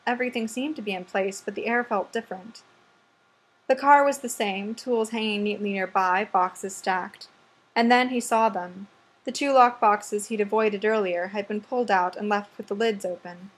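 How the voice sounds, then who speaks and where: A woman reads audiobook fiction in a soft, measured way. Her middle-pitched voice often sinks quieter at the ends of phrases. She keeps an even, steady read. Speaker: audiobook narrator. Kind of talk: scripted narration.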